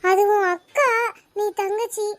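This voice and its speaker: A woman's voice: extremely high pitch, takes it slowly. A mopey, jealous schoolgirl. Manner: mopey, complaining. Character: sulky, jealous older-sister schoolgirl. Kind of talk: cartoon voice acting.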